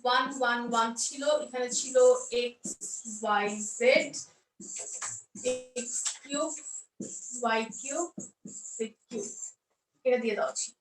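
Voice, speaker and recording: A woman's voice: a little high, measured pace, long pauses, far from the mic, noisy background. A woman teaching math step by step, asking questions and then answering them herself. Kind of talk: explaining a math lesson step by step. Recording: roomy echo, voice off-mic.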